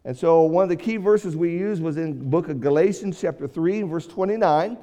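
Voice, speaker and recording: A man's voice: a little high, moderate pace, dark tone. A man preaching a sermon lesson to his congregation in a conversational way, often repeating and restarting phrases. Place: church auditorium. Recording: hall reverb.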